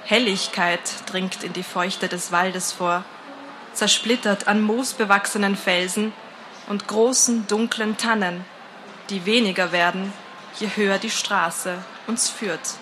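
Woman narrator, story reading, slow, bright, calm. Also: mid-range voice, a little hiss or hum, rough recording. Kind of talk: scripted first-person story narration.

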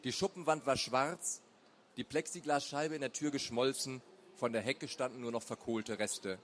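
A man narrating a story aloud in a measured, dramatic way. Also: mid-range voice, a little hiss or hum. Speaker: reader. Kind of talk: audiobook narration.

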